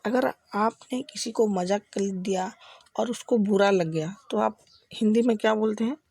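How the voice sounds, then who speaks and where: A woman teaching an English speaking lesson, explaining in Hindi, saying each phrase slowly and repeating it several times. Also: medium pitch, creaky, a little mellow, slightly rough, no echo.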